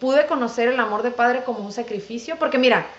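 A woman's voice: on the high side, quick pace, a little hiss or hum. Lady guest telling her faith story earnestly, kinda roomy lo-fi audio. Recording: roomy, dull lo-fi sound.

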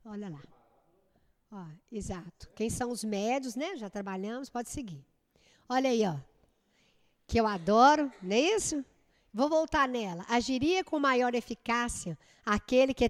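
A woman's voice: fairly high pitch, expressive, normal speed, long reverb tail. A woman with a Brazilian Portuguese accent teaching a spiritist study group, asking rhetorical questions and checking that the class follows.

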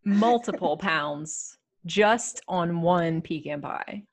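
A woman's voice: lowish voice, takes it slowly, husky. Playfully indignant woman co-host. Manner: playfully indignant, thinks aloud with fillers. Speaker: podcast co-host. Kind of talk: casual chat.

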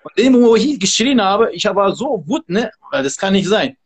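A man's voice: sits high, very animated, fairly quick, slightly rough. A man, a martial arts trainer and guest, talking casually in an interview in an emphatic, motivational way.

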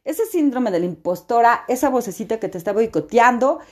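A woman's voice: on the high side, animated, fairly quick, a little mellow. A woman self-help coach giving an emphatic motivational talk, full of rhetorical questions.

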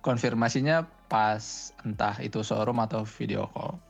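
A man's voice: fairly low pitch, steady tone, normal speed, gravelly. A man, chatting casually and recounting events with hesitant restarts. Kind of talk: casual chat. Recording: dull lo-fi with faint music.

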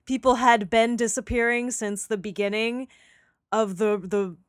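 A woman's voice: fairly high pitch, smooth, no room sound, studio quality. A young woman in casual chat, talking through a show's plot, acting out the characters' lines and laughing often. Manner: animated, acts out characters' lines in quick voices, laughs often. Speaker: podcast co-host discussing a TV series.

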